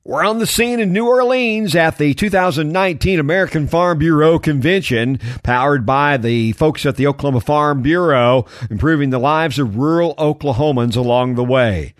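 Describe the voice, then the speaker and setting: A man reporting agricultural news for radio in a brisk announcer delivery. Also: fairly high pitch, no room sound, studio quality.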